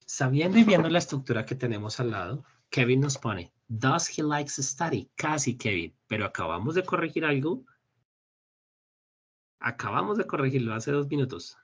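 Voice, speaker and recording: A man teaching an English class over a video call, explaining in Spanish and slowly modeling English phrases. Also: mid-range voice, sing-song, breathy edge. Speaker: English instructor. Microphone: computer mic on a video call. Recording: dull lo-fi meeting recording.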